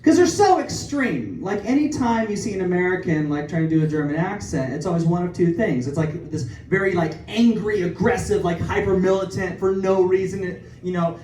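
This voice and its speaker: A young man doing a self-deprecating, rambling stand-up comedy set on a club stage, with animated asides. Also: high voice, brisk, few pauses, a little hiss or hum. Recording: echoey club from far off, with crowd. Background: audience laughter.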